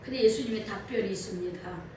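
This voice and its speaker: A woman pastor preaching a sermon in a church, animated and asking her congregation questions. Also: mid-range voice, quick pace, slight background noise. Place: church sanctuary. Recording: echoey hall from far off.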